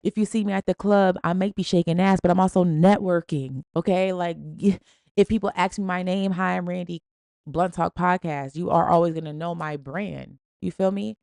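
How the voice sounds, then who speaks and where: A woman's voice: on the low side, steady tone, a little fast, gravelly, dark tone, no echo, clean studio sound. A woman hosting a podcast, giving an emphatic, slangy, preachy motivational talk in a casual style. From Springfield. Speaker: podcast host.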